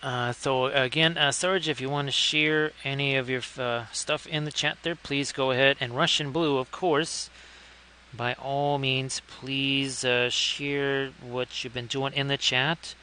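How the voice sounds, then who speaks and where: Bright-voiced man hosting a live stream. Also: mid-range voice, steady tone, unhurried, a little hiss or hum. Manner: chatty, thanks viewers, wry asides. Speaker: live-stream host painting miniatures. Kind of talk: casual live-stream chat.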